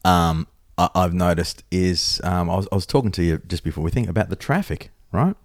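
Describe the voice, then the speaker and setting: An Australian man talks casually as a podcast co-host, with a blunt, sweary way of putting things. His voice is deep, recorded dry with no room sound. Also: fairly quick, no room sound. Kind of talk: casual conversational storytelling.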